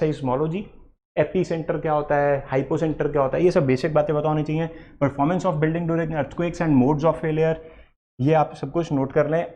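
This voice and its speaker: A man lectures through an exam syllabus at a quick clip. He rattles off technical topic lists and mixes in terms, his voice sitting a little higher than most men's. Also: darkish tone. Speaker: exam coaching director.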